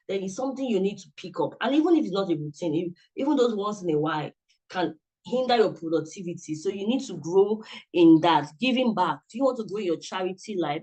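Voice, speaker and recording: At an online summit, a man delivers earnest motivational coaching straight to his audience, frequently saying things more than once. His voice sits high and sounds a little mellow, captured in a low-quality recording from a computer mic on a video call.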